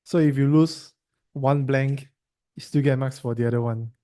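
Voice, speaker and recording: A male tutor with a Singaporean English accent walks a student through a science lesson. His voice is warm and mellow at an ordinary pitch, and he quizzes and teases in an easy, chatty way. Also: steady tone, normal speed.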